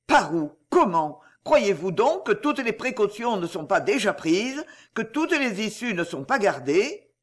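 A despairing middle-aged cashier who speaks in a choked, stubborn voice, as a male audiobook reader puts him on. The voice sits high and moves widely in pitch. He sounds like a broken man facing ruin. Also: big pitch swings, unhurried, few pauses, heavily acted. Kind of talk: audiobook character reading.

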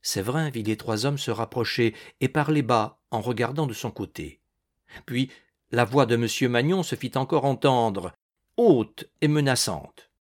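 A man reading a novel aloud as narrator, slowly and expressively. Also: mid-range voice.

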